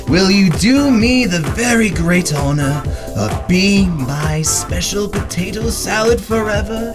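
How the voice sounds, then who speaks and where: An actor playing a gleeful, mock-sweet male clown villain in a theatrical, menacing radio drama style. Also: high voice. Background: music.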